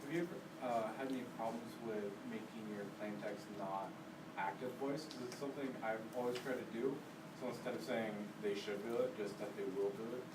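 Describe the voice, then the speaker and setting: A man's voice: on the low side, a little fast. A man in the audience asking the lecturer a question about his own practice. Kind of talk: classroom question. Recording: echoey room, far from mic, loud noise.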